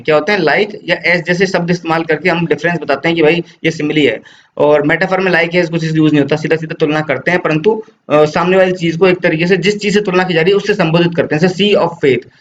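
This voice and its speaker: A man teaching English literature, explaining poetic devices patiently, repeating points, asking rhetorical questions and reading poem lines slowly. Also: fairly high pitch, steady tone, a bit bright. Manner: reads poem lines slowly, mixes English terms into his talk. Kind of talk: classroom lecture. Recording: dull lo-fi sound with faint noise.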